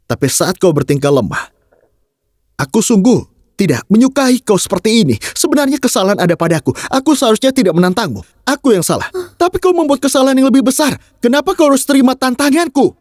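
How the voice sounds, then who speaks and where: A man's voice: sits high, a little mellow, dry recording, studio quality. An actor dubbing a hot-headed young husband who scolds and pleads with his wife in a TV drama. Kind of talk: dubbed TV drama.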